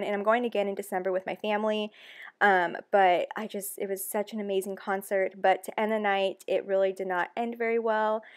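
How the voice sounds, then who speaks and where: A young woman narrates in a casual, confessional voice-over. Her talk is loose and chatty, full of ums and likes. She stays candid and emotional, with her voice at an average pitch for a woman. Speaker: planner vlogger.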